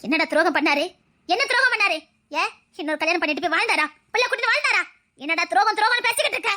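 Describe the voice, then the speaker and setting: A woman's voice: very high-pitched, expressive, rapid-fire, bright, forceful tone, heavily acted. A woman voicing a stern, grieving mother who scolds her grown son in a dubbed serial drama. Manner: scolding, dismissive.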